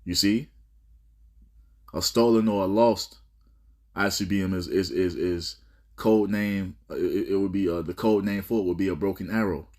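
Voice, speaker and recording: A man's voice: deep voice, moderate pace, pauses often, a little mellow. A man teaching scripture in a fiery style, stumbling and restarting, with repeated rhetorical questions.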